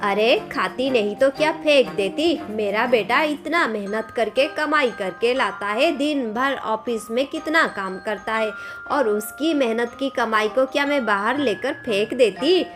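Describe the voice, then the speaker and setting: A woman voicing a bossy, quarrelsome older mother-in-law in a cartoon story, scolding and sharp-tongued. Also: fairly high pitch, measured pace, hardly any pauses, close to an everyday voice. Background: background music.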